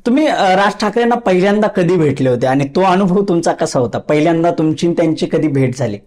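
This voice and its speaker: A man hosts an interview for a news channel. He asks probing, leading questions, often restating what the guest has just said. His voice sits high for a man. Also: lively intonation, quick pace, a little mellow.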